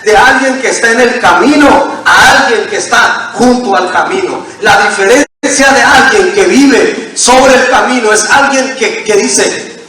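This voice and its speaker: A man's voice: extremely high pitch, measured pace, bright, forceful tone, slight background noise. A man preaching a sermon as pastor, emphatic and calling on the congregation to answer back. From Mexico. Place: church sanctuary. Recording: echoey church hall from far off.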